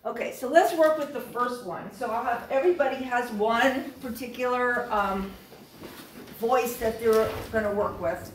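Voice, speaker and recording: A woman facilitating a group workshop, speaking calmly and reflectively with gentle pauses. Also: a little high, slight background noise. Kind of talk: guiding a group session. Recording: echoey room, distant mic.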